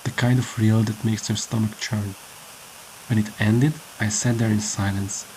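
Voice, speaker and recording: A man reading a scripted horror story in the first person, with measured storytelling delivery. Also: lowish voice, flat delivery, darkish tone, a little hiss or hum, poor audio. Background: prominent music under the voice.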